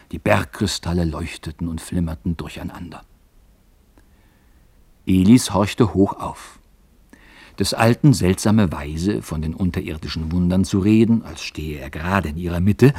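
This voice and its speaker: A man reading a classic story aloud as an audiobook, with dramatic, expressive delivery. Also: low-pitched, slightly rough, no echo. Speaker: audiobook reader. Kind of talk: literary audiobook narration.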